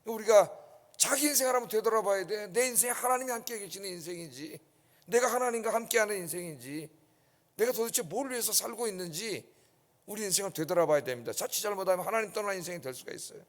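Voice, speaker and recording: A man's voice: sits high, lively intonation, quick pace. A male pastor preaching an early-morning sermon, emphatic and often checking in with the congregation. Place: church sanctuary. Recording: long church reverb.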